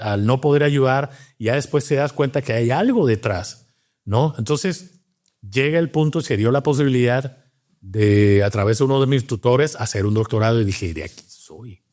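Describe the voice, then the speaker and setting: A man's voice: medium pitch, a little mellow. A man from Cuba, a doctor and scientist, telling his story in a casual interview, thoughtful and full of restarts. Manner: reflective, with many fillers and restarts.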